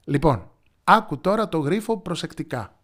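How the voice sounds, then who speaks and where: Patient storybook mother, gentle and coaxing; a man acts it out. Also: on the high side, expressive, pitched above the performer's own voice. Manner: gentle, coaxing, sing-song riddle reading. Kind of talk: storybook character voice.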